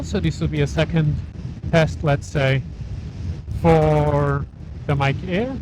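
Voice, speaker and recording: A man vlogging casually and haltingly from inside a motorcycle helmet as he rides, with wind and engine noise. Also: fairly high pitch. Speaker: motovlogger. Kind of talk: casual vlog talk while riding. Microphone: small wireless mic inside helmet.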